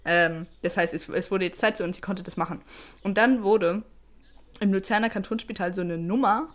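Podcast co-host: young woman with a medium-pitched voice, informal storytelling style. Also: moderate pace. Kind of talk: casual, anecdotal chat.

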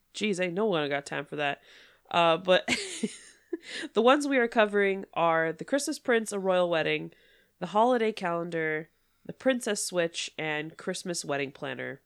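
A woman's voice: fairly low pitch, clear, resonant tone. A woman hosting a casual podcast, giggly and chatty, congested with a cold and a blocked nose. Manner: giggly, frequent filler "like". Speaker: podcast host.

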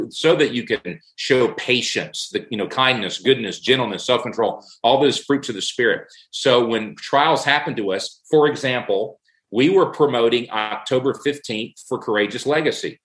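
A middle-aged man speaks at an ordinary mid pitch in a casual faith discussion. He tells stories earnestly and drives his point home by repeating phrases. The recording has a roomy echo. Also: a bit bright.

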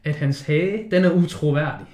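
Animated, swearing man in a roomy space. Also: a little high. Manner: animated, swears often, acts out scenes in quoted voices. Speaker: podcast co-host. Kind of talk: casual film discussion. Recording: roomy echo.

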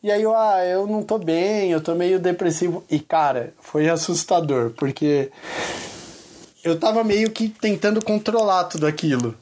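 A man's voice: high voice, moderate pace, a little mellow. A man speaking as an interview guest, telling a candid personal story in an earnest, colloquial way with lots of casual fillers.

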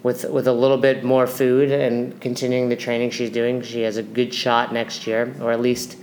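A man talks as a host and nutrition coach in a casual, explanatory style. His pitch is average, and there is faint noise behind him. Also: monotone, moderate pace, a little mellow, rough recording. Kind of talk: casual instructional talk.

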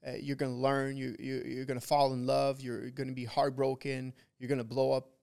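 A trader who runs a trading community guests on a casual motivational podcast, talking like a frat bro, dropping bro, dude, and swears. His smooth, darkish voice has vocal fry, a medium pitch, and a level, fairly quick delivery as he preaches emphatically, repeating points for weight.

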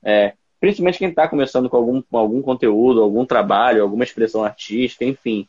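A man's voice: medium pitch, fast, darkish tone, slightly rough, no echo, muffled recording. A man, co-hosting as administrator of the channel, who speaks earnestly and steadily to the viewers. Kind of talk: live chat on a stream.

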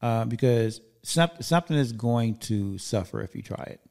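A man's voice: medium pitch, animated, moderate pace, darkish tone. A man in his forties hosting a podcast, giving candid, casual advice and swearing now and then. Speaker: podcast host. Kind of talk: casual chat.

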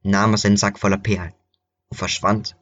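Low-voiced man narrating a story. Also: level tone, a little fast, a bit bright, highs cut off, a little hiss or hum.

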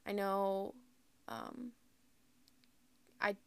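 This young American podcaster, about twenty, chats solo with loose candor and piles of "like" fillers as she rambles. Her mid-range voice is creaky, fairly bright and smooth, delivered flatly and very slowly, with no room sound at all.

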